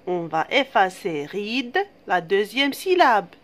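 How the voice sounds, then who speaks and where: A woman teacher giving a slow, patient phonics lesson, drawing out each syllable. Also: medium pitch, animated.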